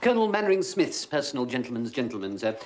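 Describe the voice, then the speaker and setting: A man's voice: mid-range voice, big pitch swings, slight background noise, lightly acted. A man playing an unflappable, formal valet. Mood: formal, measured. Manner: formal, measured, deferential.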